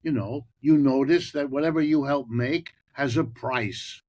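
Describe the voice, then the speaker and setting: A man's voice: medium pitch, unhurried, a little mellow, rough recording. An older man from the United States, a guest economist giving a long, emphatic conversational explanation that breaks into restarts.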